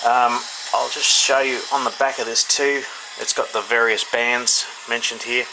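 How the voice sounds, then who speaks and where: This is a casual, unscripted indoor product review by an Australian man who reviews radios as a hobby, musing aloud in a hesitant, informal way. He talks at a normal speed in a medium pitch that barely moves. Clear background noise marks it as a home recording made in a room.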